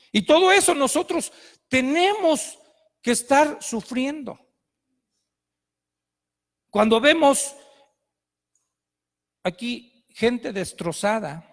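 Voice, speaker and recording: A man's voice: high voice, vocal fry, in a large hall. A male pastor, preaching a sermon with emphatic storytelling.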